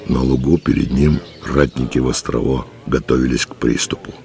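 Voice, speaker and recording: A man narrating a historical audiobook in a measured storytelling manner, with music behind. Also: a bass voice, level tone, vocal fry, noisy background.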